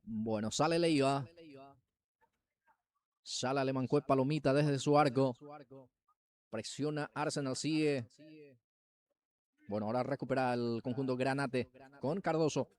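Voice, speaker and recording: A man's voice: mid-range voice, a little slow, pauses often, darkish tone. A man with a Paraguayan accent giving live football commentary as the play-by-play announcer.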